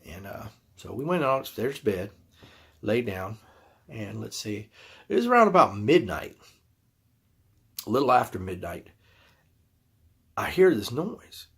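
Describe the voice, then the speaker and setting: A man's voice: lowish voice, big pitch swings, a little slow, gravelly, pauses often, husky. A man telling a personal story to camera in a folksy, rambling way, acting out his own reactions. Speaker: YouTube channel host.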